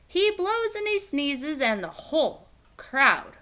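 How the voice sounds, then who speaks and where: Reading a children's picture book aloud, a high-voiced woman takes her time, speaking slowly. Her storytelling is dramatic, emphatic and full of expression.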